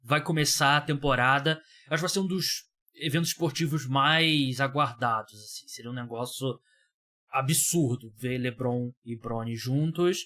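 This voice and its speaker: A man's voice: medium pitch, normal speed, pushed and bright. A Brazilian man hosting a sports podcast, chatting casually with lots of fillers and the odd swear word. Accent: Brazilian Portuguese. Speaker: podcast host.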